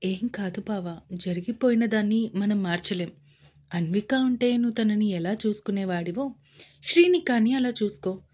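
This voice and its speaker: A woman voicing a caring, playful young wife who coaxes gently in a romance story. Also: medium pitch, moderate pace, lightly acted. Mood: coaxing.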